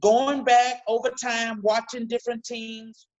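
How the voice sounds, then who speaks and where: An excited man talking sports on a podcast over a video call. He pushes his points hard, stumbles over repeated words and speeds up as he gets going. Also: very high voice, dull audio. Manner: emphatic, talks fast and repeats words when excited. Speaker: podcast co-host. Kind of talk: casual sports talk.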